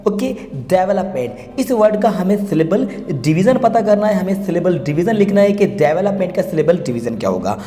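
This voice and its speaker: A man hosting an English lesson, explaining syllable division slowly and repeating each word part by part. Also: sits high, lively intonation, dark tone. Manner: slow and repetitive, spells words out syllable by syllable. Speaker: English teacher, channel host.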